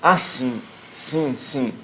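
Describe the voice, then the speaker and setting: A man's voice: medium pitch, bright, forceful tone, a little hiss or hum. Man reading as a nervous, stammering hotel clerk. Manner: halting, stammering, polite. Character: nervous, hesitant male hotel receptionist.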